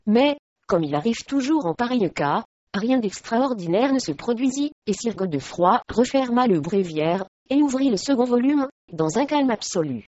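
Woman narrating a storybook calmly. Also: a little high, normal speed, hardly any pauses, no room sound, muffled recording. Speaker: audiobook narrator.

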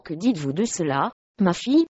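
A woman's voice: lowish voice, big pitch swings, brisk, a little mellow, slightly rough, dry recording, lo-fi sound, voice pushed down. A woman reading the part of a stern, irritable medieval lord who scolds his household.

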